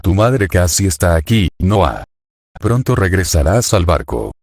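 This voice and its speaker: A man voicing a calm, brave young male hero in a reassuring, gentle way. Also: sits low, measured pace, dry recording, clean studio sound, full character voice.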